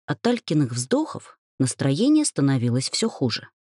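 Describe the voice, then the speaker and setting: A woman narrating a first-person audiobook with a lively, expressive reading. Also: extremely low pitch, moderate pace, no echo, studio quality.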